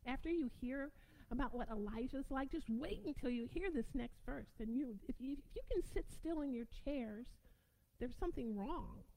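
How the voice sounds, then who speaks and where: A woman preaching a sermon, excitable and prone to shouting out her points with sudden bursts. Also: sits high, moderate pace, vocal fry, slight background noise, poor audio.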